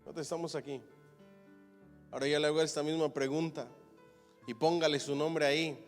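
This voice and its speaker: A man preaching a sermon as a pastor teaching a Bible class, reading scripture, swelling to loud emphatic declarations and calling the congregation to repeat phrases after him. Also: steady tone, normal speed, faint music behind. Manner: builds to loud emphatic declarations, then drops low. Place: church. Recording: long church hall reverb.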